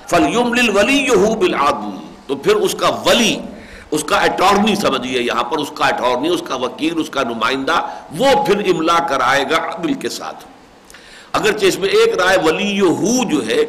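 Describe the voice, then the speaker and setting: A man's voice: on the high side, pushed and bright, low-quality recording. An older man giving a religious lecture, reciting verses and explaining them. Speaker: Quran commentator.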